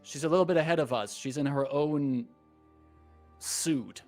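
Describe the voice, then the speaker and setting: A man narrating as game master of a tabletop role-playing game in halting, improvised phrases. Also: on the high side, a little mellow, soft background music.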